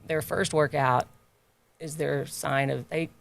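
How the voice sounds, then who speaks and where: Gravelly woman gym owner, laughing often. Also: low voice, steady tone, slow. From United States. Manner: warm, laughs often, emotional. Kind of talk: casual podcast interview.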